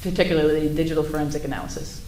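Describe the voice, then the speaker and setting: A woman's voice: deep voice, steady tone, rapid-fire, darkish tone. A woman giving courtroom testimony as an expert witness, explaining things in procedural terms. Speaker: expert witness, sheriff's intelligence commander. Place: indoor courtroom. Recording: echoey room with faint noise.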